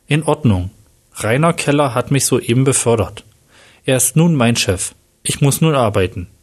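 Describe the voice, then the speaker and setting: A man's voice: mid-range voice, expressive, moderate pace, natural voice. A man reading as a shaken young police officer. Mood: unsure.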